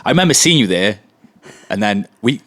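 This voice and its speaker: Guy, deep voice, rambling funny stories, swears a lot, dead dry sound. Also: big pitch swings, brisk, a bit bright, dry recording. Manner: chatty storyteller, swears freely. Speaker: interview guest. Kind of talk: casual chat.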